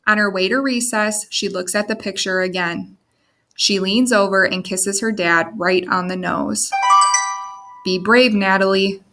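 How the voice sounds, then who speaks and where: A woman's voice: mid-range voice, moderate pace, poor audio. Woman reading a picture book aloud. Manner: expressive, animated read-aloud. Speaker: storyteller. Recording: music under the reading.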